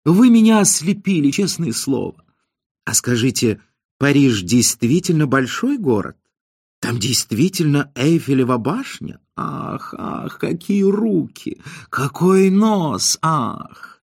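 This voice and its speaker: A man puts on a giddy male wit who gushes compliments in a high, breathless voice full of sighing ahs. The voice leaps up and down in lively swoops, recorded close and dry with no room around it. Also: slow pace, breathy edge, no echo, full character voice. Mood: gushing, flattering.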